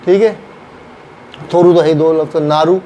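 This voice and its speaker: Speaking at a moderate pace with fairly even intonation, a man explains Japanese grammar in a classroom, repeating every phrase and acting out sample sentences with patience. He has a Pakistani Urdu accent and a fairly high but dark-toned voice, and there's slight hiss or hum.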